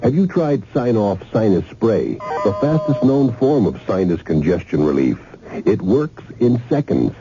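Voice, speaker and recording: A man's voice: lowish voice, very animated, unhurried. A man reading a 1970s radio commercial as an announcer, emphatic and explanatory. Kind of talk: 1970s radio advertisement read. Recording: muffled vintage radio recording. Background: music.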